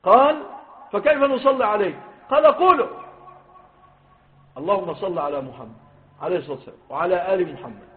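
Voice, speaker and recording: A man's voice: sits high, expressive, fast. A man with an Egyptian Arabic accent teaching a hadith lesson, stressing the quoted wordings and putting questions to his students. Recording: phone-like lo-fi recording.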